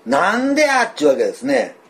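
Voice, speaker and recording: Older kansai guy preaching, a bit high voice, folksy and rambling with lots of ums. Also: fast talker. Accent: Kansai (Osaka dialect). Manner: folksy, animated storytelling with many fillers. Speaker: pastor. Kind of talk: sermon.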